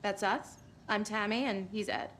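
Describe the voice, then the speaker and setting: A woman's voice: mid-range voice, steady tone, a little slow, a bit bright, a little hiss or hum, lightly acted. An actress playing a sardonic female true crime writer in a video game, speaking with dry wit. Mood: wry.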